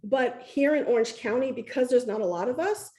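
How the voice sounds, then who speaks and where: A woman with a fairly high, mellow voice tells her story in a casual video-call chat. She talks in an effusive, emotional way, with lots of fillers. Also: fairly quick. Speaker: guest sharing her story.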